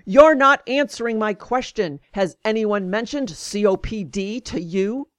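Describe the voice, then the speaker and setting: A woman's voice: medium pitch, unhurried, darkish tone, dry recording, lightly acted. Arrogant male doctor, demanding and snappy, dry close sound, a woman voices him in her story. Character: brusque, arrogant middle-aged male doctor.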